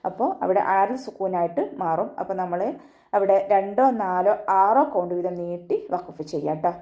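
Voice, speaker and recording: A woman teaching Quran recitation online, explaining each rule patiently step by step and then chanting the verse words slowly. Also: lowish voice, dull audio. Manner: patient step-by-step explanation, often ending with a soft "tto". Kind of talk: online tajweed lesson.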